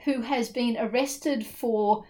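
A woman's voice: fairly high pitch, fairly even intonation, takes it slowly, dark tone. A woman co-hosting a book podcast, talking in a chatty, opinionated way with emphatic repeats. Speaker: podcast co-host. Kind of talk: casual book discussion.

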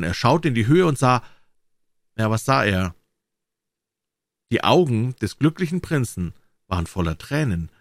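A man reading a fairy tale aloud as scripted storybook narration, expressive and theatrical. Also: mid-range voice, dry recording, clean studio sound. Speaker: audiobook reader.

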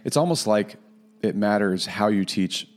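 A man's voice: lowish voice, normal speed. A man hosting a podcast interview, conversational and affirming as he asks follow-up questions. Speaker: podcast host.

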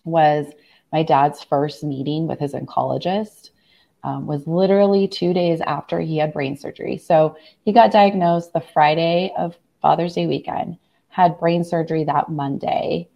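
A young adult woman appearing as a guest earnestly recounts a personal family story in conversation, with many fillers and restarts. Laryngitis leaves her hoarse, and her voice is low-pitched and mellow, with a steady tone at normal speed.

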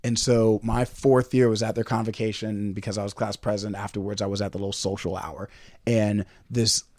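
A man's voice: fairly low pitch, a little fast, no room sound. Chatty young man telling rambling stories. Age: young adult. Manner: rambling, self-interrupting, animated storyteller. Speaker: podcast guest, former class president. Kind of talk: casual storytelling chat.

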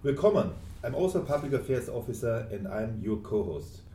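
A calm man co-hosts a podcast. His voice is very dark and mellow, and he sounds a bit distant from the mic in a roomy space with faint background noise. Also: mid-range voice, fairly quick. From Germany. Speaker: podcast co-host, public affairs officer. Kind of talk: podcast interview.

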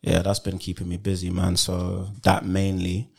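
A man, an actor, chatting casually on a podcast in a relaxed way, full of "you know" and "man". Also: low voice, moderate pace, vocal fry, slightly rough. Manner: relaxed, laid-back, many fillers like "you know" and "man". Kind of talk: casual chat.

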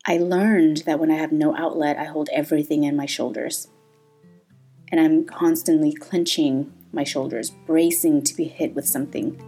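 A Thai-born woman in her thirties hosts a personal podcast, talking candidly and laughing often. Her voice is deep and mellow.

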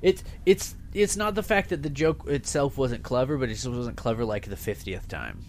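A man co-hosting a casual podcast chat, giving critical opinions in halting sentences full of restarts. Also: mid-range voice, animated, a little mellow. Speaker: podcast co-host reviewing a movie episode.

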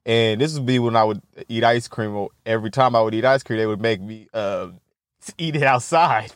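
A young podcast host rambles casually at a medium pitch and a slightly quick pace, laughing a lot, swearing, stuttering and poking fun at himself. His voice is clear with a resonant tone, recorded clean in a studio with no echo.

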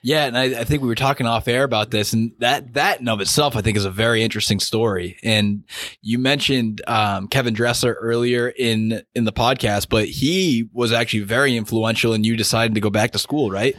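A man's voice: medium pitch, fairly even intonation, fairly quick, fairly bright tone, dry recording. A man hosting a podcast, prompting his guest with short questions and brief replies. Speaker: podcast host. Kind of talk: podcast interview and outro.

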